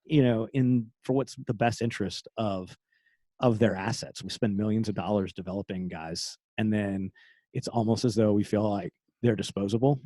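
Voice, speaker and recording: A middle-aged man, a former special forces operator, speaking as a podcast guest in casual conversation, candid and quick to laugh. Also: fairly low pitch, steady tone, warm tone, dry recording. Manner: candid, laughs often, trails off and restarts.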